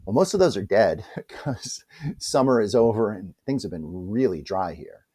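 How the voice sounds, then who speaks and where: A man hosting a spiritual reflection vlog, talking in a chatty, animated way with asides. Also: normal speed, breathy edge. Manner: animated, chatty, with wide pitch swings and asides. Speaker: host of a spiritual reflection channel.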